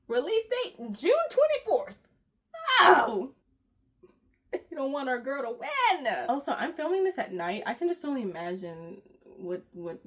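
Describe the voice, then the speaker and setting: A woman with a Chicago accent giving casual, exasperated commentary in a video essay, full of rhetorical questions. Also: high-pitched. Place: home at night.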